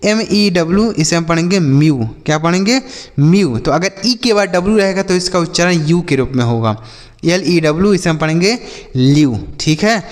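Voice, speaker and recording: A man's voice: a little high, moderate pace. A man teaching English phonics to children, patiently repeating each sound and quizzing his pupils. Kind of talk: classroom-style phonics lesson. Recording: long reverb, hall-like echo.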